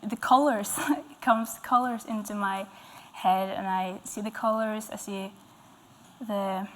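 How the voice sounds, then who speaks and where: A young woman musician from Norway's west coast, a native Norwegian speaker with a Norwegian accent, is interviewed as a guest on an indoor stage with dark curtains. Her mid-range voice is fairly even and slow, and she answers hesitantly while searching for words.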